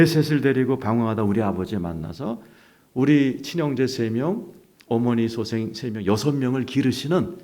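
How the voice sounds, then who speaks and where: A middle-aged male pastor giving a personal testimony during a revival sermon in a church, moving between hushed, almost whispered passages and loud, emotional outbursts. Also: mid-range voice.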